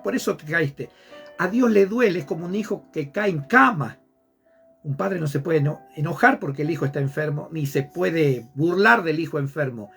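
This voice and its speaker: A man's voice: fairly high pitch, vocal fry. A man who is a pastor, preaching fervently with a repetitive sermon cadence. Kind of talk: impassioned preaching on a program.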